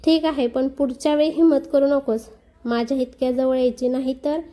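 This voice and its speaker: Smug teasing young man for a storybook, voiced by a woman reader with a soft, mellow tone. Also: sits high, level tone, fairly quick, lightly acted. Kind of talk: audiobook character reading.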